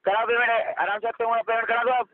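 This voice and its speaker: A man's voice: extremely high pitch, level tone, quick pace, no echo. A man working as a loan recovery agent on a phone call, pressing a customer for payment and repeating his demands. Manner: pushy, repeats demands insistently. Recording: tinny phone line.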